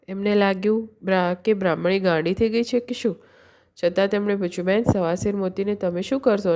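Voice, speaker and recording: A woman tells a devotional folk tale at a mid-range pitch. She recites it steadily and sometimes stumbles and restarts a word. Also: darkish tone. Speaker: storyteller. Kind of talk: devotional story reading.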